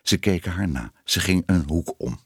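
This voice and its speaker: A man's voice: low-pitched, animated, moderate pace, breathy edge, dry recording, clean studio sound. A man reading a children's story aloud as narrator, voicing the characters expressively.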